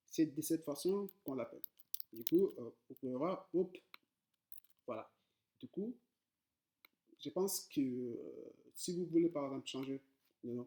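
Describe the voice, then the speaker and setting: In a casual coding lesson, a man whose native tongue isn't French speaks to viewers in a warm, fairly high voice. His informal delivery is hesitant, peppered with filler words and repetitions.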